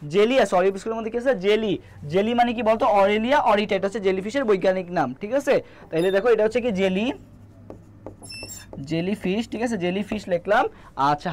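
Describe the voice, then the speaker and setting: Bangladeshi Bengali tutor quizzing a live class. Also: mid-range voice. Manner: quizzing, asks and answers own questions; reads viewer names from comments. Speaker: biology tutor. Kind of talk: live online class teaching.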